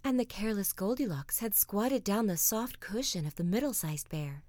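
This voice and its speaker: A woman reading a fairy tale as a soft bedtime story, often slipping into a whisper. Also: medium pitch, animated, normal speed, no echo.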